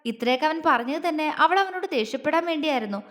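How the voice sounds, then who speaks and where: High-voiced woman narrating a love story. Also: lively intonation, fast talker, a bit bright, big-room sound. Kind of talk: scripted audio story narration.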